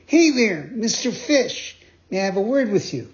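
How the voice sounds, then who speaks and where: A man voicing a frightened, eager wooden puppet boy in a high, excited, pleading voice. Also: normal speed. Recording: dull lo-fi sound.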